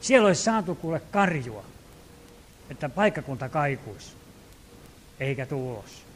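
A male pastor preaching a sermon, earnest, swinging from loud calls to hushed asides, acting out quoted prayers. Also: a little high, very animated, a little hiss or hum. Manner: acts out quoted prayers and commands.

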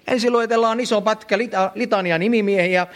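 A man's voice: sits high, fairly even intonation. A middle-aged man preaching a sermon in church, emphatic, repeating phrases and calling the congregation friends.

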